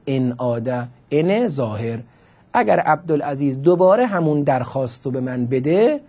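A man's voice: on the high side, a little mellow, slightly rough. A man teaching Arabic grammar in a classroom lecture, explaining the text line by line with questions and emphatic stresses.

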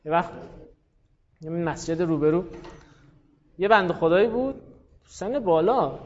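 A man's voice: sits high, expressive, a little mellow, in a large hall, lo-fi sound. A man teaching a class, explaining step by step and putting questions to his students. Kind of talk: classroom lecture.

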